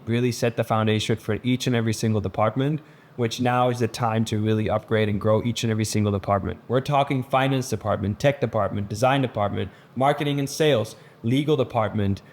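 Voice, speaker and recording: A Dutch business founder with a medium-pitched, slightly mellow voice speaks earnestly and motivationally to camera in a casual vlog intro, then shifts into presentation-style training for his team. He often restarts sentences and uses plenty of fillers.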